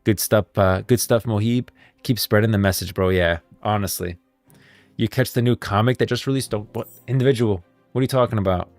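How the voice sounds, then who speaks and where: A man with a fairly low voice talks briskly as he hosts a livestream, casually thinking aloud and calling his viewers guys and bros in slangy, informal language. The recording is dry, with soft music in the background.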